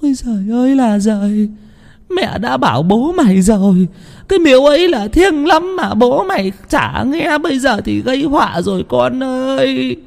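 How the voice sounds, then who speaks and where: A man's voice: big pitch swings, normal speed, warm tone. A man doing a wailing village mother. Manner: wailing, high falsetto, lamenting.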